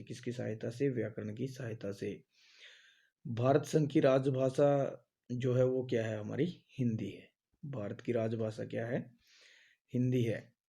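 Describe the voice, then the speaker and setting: A man runs an exam-prep lesson, posing each question and then repeating the answer to drill it in. His voice is very dark and mellow, at an ordinary male pitch. He leans on the same filler phrases again and again. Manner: says "आपका" and "जो है" a lot. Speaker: teacher.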